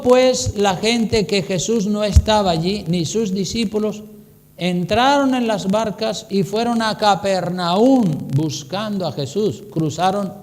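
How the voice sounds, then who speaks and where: A man's voice: high-pitched, a little mellow. A man preaching a sermon as pastor, emphatic and repetitive, acting out the phrases he quotes. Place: church hall. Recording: long reverb of a church hall.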